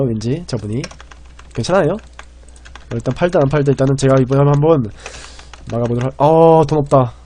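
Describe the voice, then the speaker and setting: Man, game streamer, fairly high voice, excitable, rambling, loud bursts then mutters, keyboard clatter behind. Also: a little hiss or hum. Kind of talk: live game commentary.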